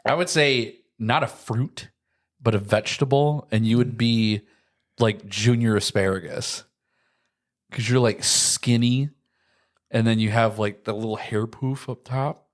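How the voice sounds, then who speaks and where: In a casual podcast conversation, an American co-host in his early thirties rambles at a measured pace. His voice is mid-range with fairly even intonation, and he often falls back on "like" and other fillers.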